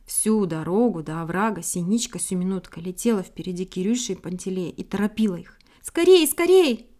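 A woman narrating a children's fairy tale in a gentle, expressive storybook reading. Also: on the low side, a little fast.

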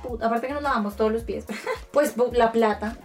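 A woman, chatting casually as co-host and telling expressive stories, acting out quotes. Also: on the high side, brisk, recorded from a distance, soft background music. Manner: expressive storyteller, acts out quotes. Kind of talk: casual chat.

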